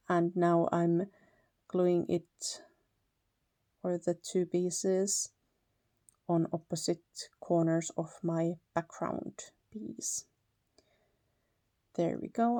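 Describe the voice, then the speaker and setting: Clean studio sound and a dry recording carry this fairly low female voice. She's a Finnish paper crafter with a Finnish accent hosting her channel, chatting easily through a tutorial, laughing a little and correcting herself here and there.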